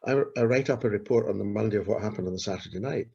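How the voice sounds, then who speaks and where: A man's voice: on the low side, very fast, gravelly, mellow, husky. A man, a street pastor telling earnest stories in an interview and repeating his key phrases. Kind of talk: storytelling in an interview. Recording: dull lo-fi recording.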